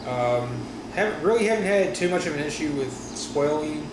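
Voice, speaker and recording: Higher-voiced halting man after wisdom teeth surgery. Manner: halting, rambling, frequent self-corrections. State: recovering from wisdom teeth surgery, sore stiff jaw. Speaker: vlogger. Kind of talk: casual personal vlog recounting. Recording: roomy echo with steady room noise.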